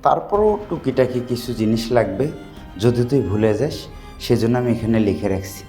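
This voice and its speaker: A man voicing a gentle elderly father who speaks softly and slowly with tenderness. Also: medium pitch, expressive, faint music behind, pitched below the performer's own voice, close to an everyday voice. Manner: soft, slow, tender.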